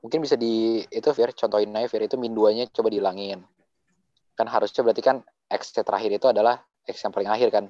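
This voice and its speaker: A man's voice: lowish voice, fairly even intonation, fast talker, warm tone, dry recording. A young man teaching assistant casually adding tips and inviting questions in an online coding tutorial. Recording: dry, dull lo-fi mic.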